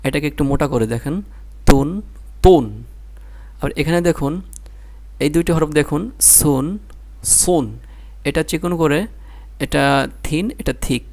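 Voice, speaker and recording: A man's voice: on the high side, normal speed, long pauses. A man with a Bangladeshi Bengali accent teaching Quran reading, spelling out syllables one by one and repeating them patiently. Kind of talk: slow spelled-out recitation lesson.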